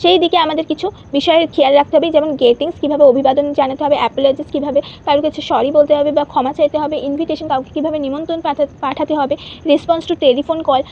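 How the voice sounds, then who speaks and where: High-voiced woman teaching an exam lesson. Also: steady tone, highs cut off, a little hiss or hum. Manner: reads English points slowly, then explains them.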